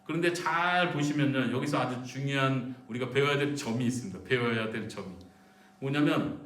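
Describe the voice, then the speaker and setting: A man's voice: mid-range voice, moderate pace, fairly bright tone. A male missionary preacher giving an emphatic sermon at a midweek church service, questioning the congregation directly. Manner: dramatizes pleading prayers in a raised voice. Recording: echoey church room, voice from a distance.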